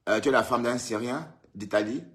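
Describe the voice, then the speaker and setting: Talking a little fast in a mid-range, slightly bright voice, a man hosts an easygoing live stream from his home in Europe. He welcomes viewers individually by name and teases them conversationally.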